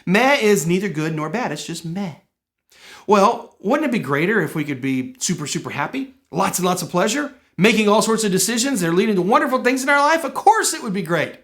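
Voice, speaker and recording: A man's voice: high-pitched, very animated, brisk, fairly bright tone. A middle-aged man hosting a podcast, giving an earnest, emphatic motivational talk full of rhetorical questions. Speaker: podcast host and personal development coach.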